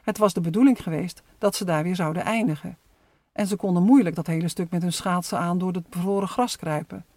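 Brief: calm storyteller, mid pitch, close dry mic, steady children's story narration. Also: a little fast, dry recording.

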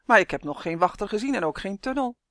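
An earnest young boy, as a storybook reader voices him, pleads and frets in a slightly raised voice. He talks quickly when upset. The sound is dry and close. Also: medium pitch, animated, fairly bright tone, no echo. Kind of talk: storybook reading.

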